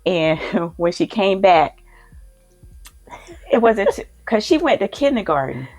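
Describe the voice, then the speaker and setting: A woman's voice: medium pitch, big pitch swings, slow, a little mellow, no room sound, soft background music. A woman, a mother chattily telling family stories, often repeating herself. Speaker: mother guest. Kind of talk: casual family storytelling.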